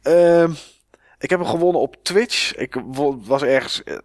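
A man's voice: on the high side, a little slow, dry recording. Rambling man on a dry mic. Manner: rambling, many fillers and restarts. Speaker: podcast co-host. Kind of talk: casual chat about games.

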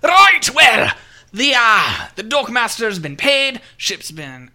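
A booming, blustering pirate captain, as a man puts him on for a tabletop game, loud and high-pitched with a bright, ringing edge. He talks with hearty sea-dog bluster. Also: sing-song, slow pace, heavily acted. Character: loud gruff male pirate ship captain.

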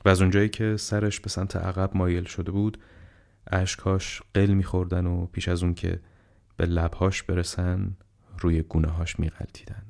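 A man narrating an audiobook in a measured, calm and unhurried way. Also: low voice, creaky.

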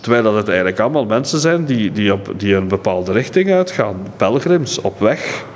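Flemish friar telling a story in a hall. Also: male voice, lowish voice, lively intonation, slight background noise. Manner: halting storytelling with many fillers and restarts. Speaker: friar and monastery guardian. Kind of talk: guided-tour conversation. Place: indoor exhibition centre. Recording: echoey hall, faint ambience.

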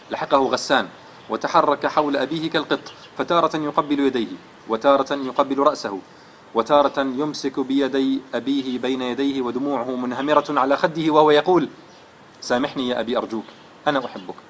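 Fast-talking man telling a moral story. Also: mid-range voice, slight background noise. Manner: earnest, dramatic storytelling. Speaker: religious lecturer. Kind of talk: storytelling religious lesson.

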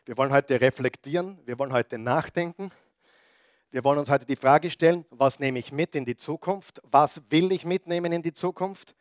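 A man preaching a sermon, throwing rhetorical questions at the congregation and swinging between loud emphatic bursts and quiet asides. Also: a little high, normal speed, no echo, studio quality. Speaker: pastor.

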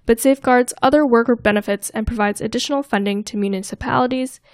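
Woman podcast host reading bankruptcy news, a bit high pitched, dry sound. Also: fast, no echo.

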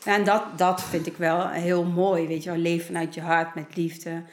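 A woman's voice: lowish voice, level tone, moderate pace. A middle-aged woman talking earnestly in a casual conversation, telling stories with animation. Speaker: guest. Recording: echoey room.

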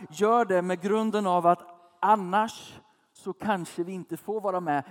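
A man's voice: sits high, big-room sound. A man in his thirties preaching a casual, conversational sermon, often asking his listeners if they follow. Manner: chatty, asks listeners questions.

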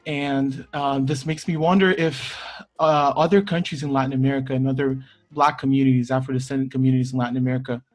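A young man hosting a podcast, speaking in a measured way and asking questions in a casual discussion. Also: medium pitch, flat delivery, soft background music. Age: young adult. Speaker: podcast host.

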